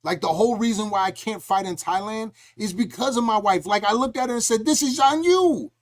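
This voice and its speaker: A middle-aged man hosting a podcast in casual talk, telling lively stories and acting out voices as he goes. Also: high voice, brisk. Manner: animated storytelling, acts out quoted voices. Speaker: podcast host.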